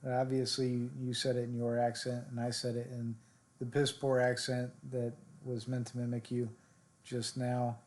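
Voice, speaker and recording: A man's voice: medium pitch, moderate pace. A man giving casual live-stream commentary on his gameplay, chatting with viewers and coaching himself through his shots. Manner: chatty, answers viewer chat directly; relaxed, self-coaching talk with fillers. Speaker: game streamer.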